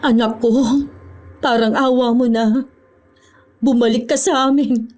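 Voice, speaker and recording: A woman's voice: on the high side, steady tone, unhurried, darkish tone, soft background music, natural voice. A woman voicing a tearful middle-aged mother who pleads for her child, in an audio horror story. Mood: pleading.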